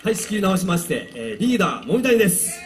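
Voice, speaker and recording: A man's voice: sits high, very animated, quick pace, background noise. A man, a band vocalist, introducing the members between songs in a polite, joking way with small laughs. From Japan. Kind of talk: casual stage MC at a live show. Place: outdoor park stage. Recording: live outdoor recording with guitar behind.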